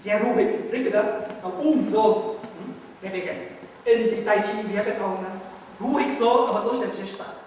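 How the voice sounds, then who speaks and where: A man with a Vietnamese accent, a meditation master giving a spiritual lecture in halting, broken German, playful and quick to laugh. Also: high-pitched, darkish tone. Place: large echoey hall. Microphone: distant room mic. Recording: echoey hall from far off, faint hiss.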